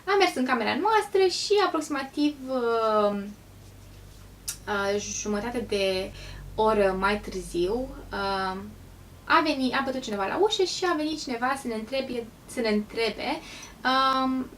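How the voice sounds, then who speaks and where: A chatty woman from Romania tells stories to her viewers in a relaxed vlog, often pausing on an um. Her voice sits a touch higher than most and comes from a little way off the mic. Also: distant mic, a little hiss or hum. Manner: chatty, pauses with frequent ums. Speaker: vlogger. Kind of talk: casual vlog storytelling.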